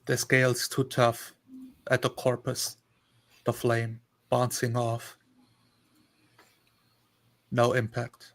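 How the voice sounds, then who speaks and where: A man's voice: mid-range voice, completely flat delivery, takes it slowly, long pauses, fairly bright tone. A man running a tabletop role-playing game, narrating scenes and calling results as game master.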